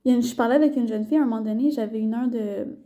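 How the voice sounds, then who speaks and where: A young woman with a Québécois accent talks casually to her camera in a vlog. Her voice sits high and sounds mellow and soft-edged. She rambles loosely, circling back with fillers and restarts. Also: very fast. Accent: Québécois French. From Quebec. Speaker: vlogger and student intern.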